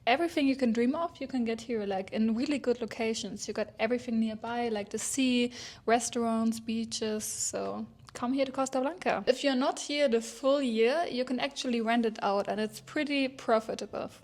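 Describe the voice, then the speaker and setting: A woman's voice: on the high side, moderate pace, hardly any pauses, darkish tone. A young woman from Germany, a non-native English speaker, chatting enthusiastically as co-host. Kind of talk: casual chat.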